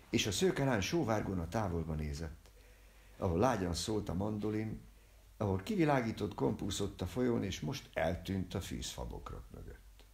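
A man reading a literary novel aloud at home, voicing the characters' lines with raised, lively delivery. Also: deep voice, creaky. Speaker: audiobook reader.

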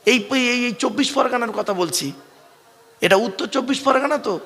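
A man with a high, bright voice preaches to an open-air gathering, his words ringing out with a long echo through the PA. He speaks with a South 24 Parganas Bengali accent. His tone is fatherly and coaxing, and he keeps pressing the listeners to call back answers. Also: moderate pace. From West Bengal, India. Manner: fatherly, coaxing, often calls listeners "bap" and asks them to answer back. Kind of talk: sermon.

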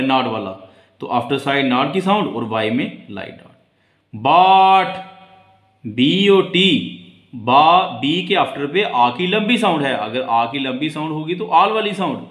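A man teaching a shorthand class who calls out each word in a high voice, then explains it in a low voice. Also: fairly bright tone, reverberant. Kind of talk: classroom lesson.

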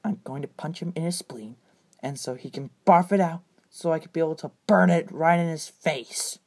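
Brief: woman doing a mean young dragon for a toy video, dark low delivery, husky. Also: normal speed. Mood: menacing. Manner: low, grim, violent threats. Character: menacing young purple dragon hero, vengeful.

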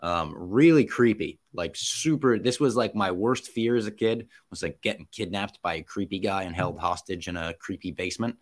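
A man's voice: deep voice, normal speed, hardly any pauses. Young man, chatty movie talk. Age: young adult. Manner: chatty, filler-heavy movie reviews. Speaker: podcast host. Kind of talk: casual podcast chat. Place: home room, video call. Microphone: headset, video call.

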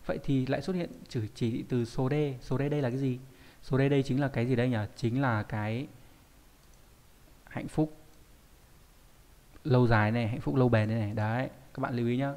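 Male language teacher, mid-pitched, explaining a reading text and quizzing himself aloud. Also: a little mellow, long reverb tail. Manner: rhetorical questions answered himself, slow careful Japanese readings. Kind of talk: reading lesson explained in Vietnamese.

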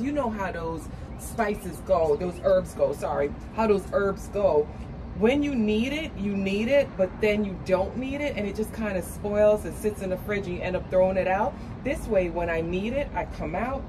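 This mid-range voice belongs to a woman who vlogs about cooking and gardening, talking chattily to the camera about her patio garden and kitchen and addressing viewers as "guys." She starts on an outdoor high-rise patio and ends up in her home kitchen. The recording is echoey and noisy, with the mic set at a distance.

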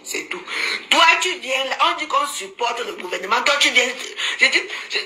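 A woman's voice: sits high, animated, normal speed, sharp tone. A woman doing a casual Facebook live, teasing and scolding with frequent laughter. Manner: teasing, mocking, laughs often, scolding asides. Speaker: social media commentator. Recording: roomy echo, faint background noise.

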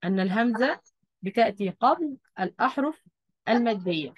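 A woman with an Egyptian Arabic accent and a slightly high, animated voice speaks fairly quickly, on dull audio with no room sound. Standing at a board, she patiently explains a Quran recitation rule, repeats key points, and checks that her students follow.

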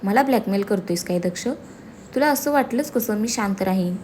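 A woman voicing a sharp, defiant young wife who snaps back scornfully. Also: mid-range voice, expressive, brisk, slight background noise, lightly acted. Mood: angry. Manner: scornful, snapping.

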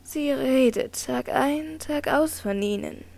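A devout, naive old lady speaks slowly with gentle insistence, her voice pitched a little high with a gravelly rasp underneath, as an audiobook reader puts her on. She sometimes drops to a hush. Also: full character voice. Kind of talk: audiobook character reading.

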